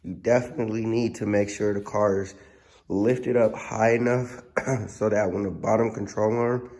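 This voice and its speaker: A man with a hoarse, fairly low voice talks casually as a car vlog host. His delivery is laid-back and slangy, with little rise and fall in pitch, and he sounds under the weather. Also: steady tone, normal speed, a little mellow. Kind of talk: casual workshop vlog talk. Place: car workshop.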